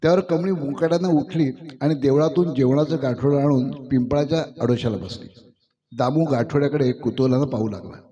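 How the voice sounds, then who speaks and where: A man reading a literary short story aloud in a measured, expressive narrating voice. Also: mid-range voice, muffled recording. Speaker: story reader.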